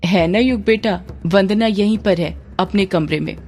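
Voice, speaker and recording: A woman voicing a gentle, kindly older aunt who soothes and coaxes the family in a spoken story. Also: mid-range voice, unhurried, a little hiss or hum, natural voice. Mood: gentle coaxing. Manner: coaxing, gentle.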